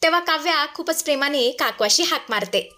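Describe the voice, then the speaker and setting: A woman's voice: sits high, expressive, fairly quick, bright, forceful tone. A woman dramatically narrating a TV serial episode recap. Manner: dramatic, repetitive storytelling.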